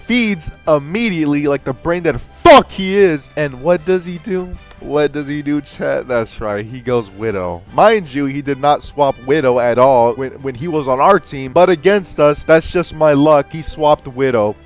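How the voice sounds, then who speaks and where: A man's voice: on the high side, a little slow, hardly any pauses, faint music behind. A man delivering an escalating comedy rant as a gaming streamer, sarcastic and exasperated, with emphatic swearing. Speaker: gamer, streamer. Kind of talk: escalating comedy rant about a video game, profane.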